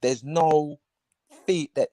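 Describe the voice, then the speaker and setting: A man's voice: fairly high pitch, steady tone, slow pace, mellow, no echo, studio quality. A man arguing in a casual chat, slangy and emphatic.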